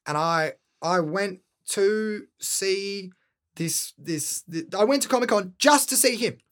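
A man's voice: high-pitched, slow pace. A man, a guest rapper telling stories in a casual, swearing, laughing way. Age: 20s. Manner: animated, swearing, laughing storyteller. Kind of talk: casual storytelling.

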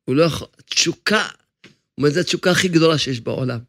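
A rabbi delivers a sermon in a fairly high voice. He is emphatic and hammers home his points by repeating phrases over and over. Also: fairly bright tone, dry recording.

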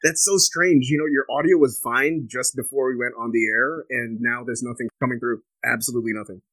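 A man's voice: medium pitch, steady tone, brisk, pushed and bright, dry recording, poor audio. A young man hosting a casual podcast, joking and playful with teasing wordplay. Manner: playful, jokey, alliterative wordplay. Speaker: podcast host.

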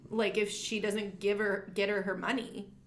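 A woman's voice: medium pitch, little pitch movement, moderate pace. A woman co-hosting a podcast in casual chat. She is chatty, fills her talk with "like", and swears freely. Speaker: podcast co-host.

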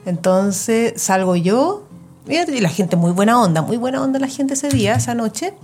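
A woman's voice: on the high side, moderate pace, faint music behind. A young adult woman with a Chilean accent, a stand-up comedian telling stories in casual chat, acting out the voices of people in them. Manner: animated storyteller, acts out voices.

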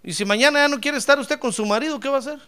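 A man's voice: very high-pitched, very fast, sharp tone. A man preaching a sermon, stretching key words and calling on the congregation to repeat them. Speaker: pastor.

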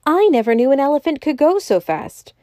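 Woman doing an excitable shouting doctor. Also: mid-range voice, normal speed, no echo, clean studio sound, natural voice. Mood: excited. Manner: crying out, exclaiming. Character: excitable, loud male doctor.

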